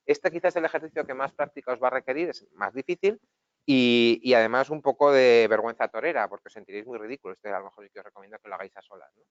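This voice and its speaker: A man's voice: medium pitch, quick pace, dry recording. A man with a Spanish accent from Spain, teaching public speaking in a webinar and explaining exercises in a conversational way. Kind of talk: webinar lesson. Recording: dull, dry recording.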